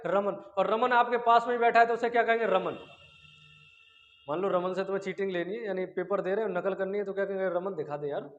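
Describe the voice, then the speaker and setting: A man's voice: high voice, steady tone, a little hiss or hum. A male teacher giving an exam-prep grammar lecture, who asks and answers his own questions and stretches out vowels as examples. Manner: drawn-out vowels and chanted syllables as examples. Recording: dull lo-fi audio in a long-echo room.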